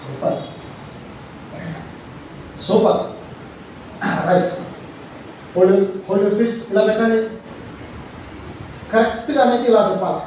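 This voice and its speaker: A man with a very high voice and a leads schoolchildren through a quick call-and-response game. He sounds distant and very echoey. A crowd of children and steady noise sit behind him. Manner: animated, calls out commands for a game. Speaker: psychologist. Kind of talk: motivational session with schoolchildren. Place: school gathering.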